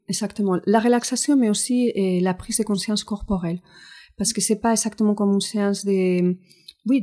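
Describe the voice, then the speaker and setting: A woman with a warm, medium-pitched voice and a Spanish accent answers interview questions about her job as a physiotherapist, often using fillers and restarting her sentences.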